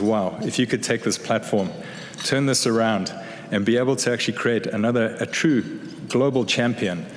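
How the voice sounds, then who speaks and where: Low-voiced man giving an enthusiastic corporate keynote. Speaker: chief executive giving a keynote. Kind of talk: semi-scripted business keynote speech. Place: large indoor event hall, on stage. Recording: echoey hall with clear background noise.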